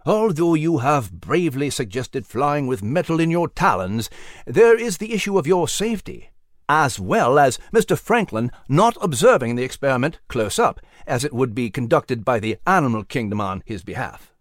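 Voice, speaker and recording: A man's voice: medium pitch, big pitch swings, normal speed, no room sound, clean studio sound, close to an everyday voice. A man doing a prim mouse. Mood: earnest. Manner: formal, fussy, polite. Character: prim, genteel English male mouse.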